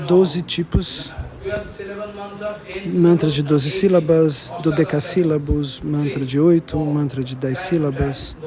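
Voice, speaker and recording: A man giving a devotional lecture to a gathering, repeating and restarting phrases and slowing down to stress key terms. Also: mid-range voice. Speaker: religious lecturer.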